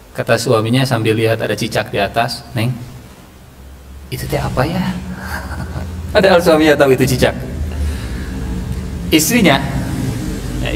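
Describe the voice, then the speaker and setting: A man's voice: medium pitch, background noise. Man preaching in a reverberant mosque. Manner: acts out quoted dialogue in raised voices, mixes Sundanese phrases. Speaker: preacher giving a mosque study session. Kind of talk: sermon with humorous anecdotes. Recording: long hall reverb, faint ambience.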